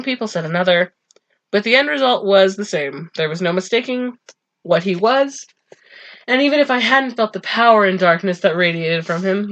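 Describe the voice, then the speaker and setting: Casting: woman podcast co-host reading a novel aloud, casual and breezy, mid-pitched. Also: fairly bright tone, lo-fi sound. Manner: reads aloud in a breezy way, breaks into laughter.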